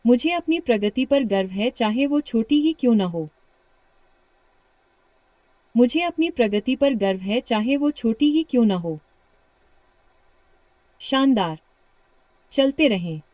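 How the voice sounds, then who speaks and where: A woman with a British accent coaches English speaking through a guided shadowing lesson, warmly encouraging the listener and repeating each practice sentence slowly and clearly. Her voice is slightly high with lively intonation. The recording is close and dry, with no room sound and no echo.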